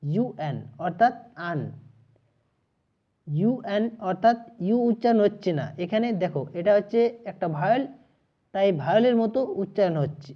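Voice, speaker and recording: Woman teaching grammar, slow patient explanations. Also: medium pitch. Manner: explains step by step, spells letters and repeats pronunciations; slows to dictate example sentences. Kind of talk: exam-prep grammar lesson. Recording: slightly dull lo-fi audio.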